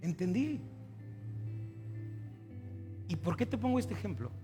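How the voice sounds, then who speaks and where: A Mexican pastor preaching a sermon, telling stories and acting out dialogue before building to emphatic appeals. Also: male voice, high-pitched, very animated, unhurried, warm tone, faint music behind.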